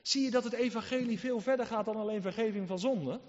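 A man preaching a sermon, emphatic and full of rhetorical questions, who swings between loud and soft. The recording is reverberant and dull. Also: high voice, quick pace. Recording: reverberant hall, dull lo-fi sound.

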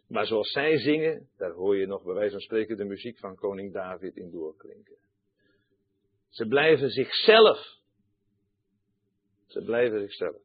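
Husky male preacher on a tinny line. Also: mid-range voice. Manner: emphatic, repeats key phrases, addresses listeners directly. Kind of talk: sermon.

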